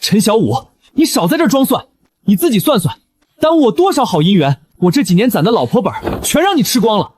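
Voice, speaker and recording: A gruff, hot-tempered young swordsman, played by a woman dropping her voice low. he snaps out blunt, scolding lines and talks like a rough wanderer. the voice sounds husky. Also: very animated, fast talker, a little mellow. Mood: irritable. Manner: brusque, scolding. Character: gruff young male bounty hunter, hot-tempered senior brother.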